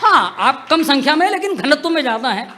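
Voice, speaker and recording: A young man with a high, bright, punchy voice performs comic poetry from a stage microphone. He jokes and teases the crowd playfully, like a seasoned stand-up poet. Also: big pitch swings, fairly quick, slight background noise. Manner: joking, playful, teasing audience. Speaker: comedic poet. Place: outdoor stage tent at a poetry gathering.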